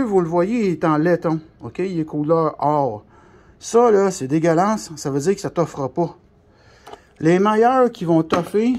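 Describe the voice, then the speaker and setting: A CB radio shop specialist with a Québécois French accent presents an unscripted, hands-on product tutorial in blunt, colloquial, mildly crude language. His voice is high, and there is background noise.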